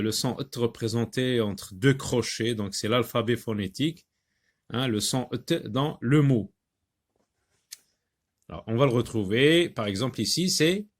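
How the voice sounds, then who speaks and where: Man, teacher, children's reading lesson, very slow pace, patient repetition, hesitant fillers. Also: medium pitch. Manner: slow, patient, repeats words and syllables for learners; frequent hesitations with drawn-out fillers.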